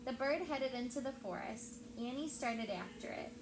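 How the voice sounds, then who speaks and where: An elementary school teacher reads aloud to her class with lots of expression, stopping to prompt the pupils with questions. Her voice is fairly high and lively, at a moderate pace. The room is echoey, and background noise is clearly audible.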